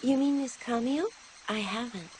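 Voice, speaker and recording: A woman voicing a calm, polite schoolgirl. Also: fairly high pitch, normal speed, a little hiss or hum, close to an everyday voice. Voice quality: quiet, formal, gentle manner. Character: polite, calm teenage schoolgirl, softly formal. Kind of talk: anime dub acting. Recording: music playing behind the voice. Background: music.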